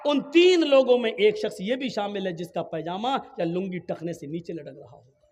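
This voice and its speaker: A man preaching a sermon, swinging from calm storytelling to shouted exhortation and acting out dialogue in his stories. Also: high-pitched, in a large hall.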